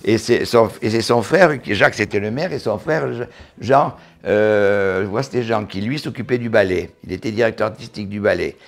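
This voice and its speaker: A man in his eighties with a southern French accent from Montauban, reminiscing in an interview, often halting and repeating words as he recalls. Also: fairly low pitch, gravelly. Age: 80s. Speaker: interviewee, retired dancer.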